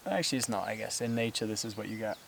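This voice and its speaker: A gravelly, lowish male voice races along as a vlogger climbs a steep trail outdoors, breathless and rambling to the camera with fillers and laughs. Insects buzz, and there's slight background noise.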